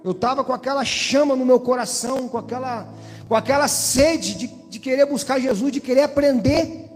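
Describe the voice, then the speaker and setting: High-voiced man giving church testimony. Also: moderate pace. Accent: Brazilian Portuguese, Espírito Santo. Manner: preacher-like, addresses pastor and congregation directly. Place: church hall. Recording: church hall reverb with faint music.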